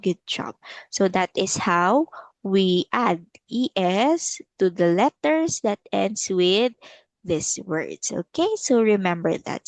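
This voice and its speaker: Woman English tutor, very slow and patient, stretches words for repetition, dry close sound. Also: mid-range voice, no echo. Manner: slow, drawn-out model words. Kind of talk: online one-on-one English lesson.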